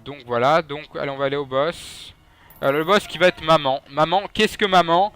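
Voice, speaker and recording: A man's voice: fairly high pitch, moderate pace, a bit bright, clear, resonant tone. A young man giving casual, joking gameplay commentary, trash-talking enemies and swearing. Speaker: gaming YouTuber.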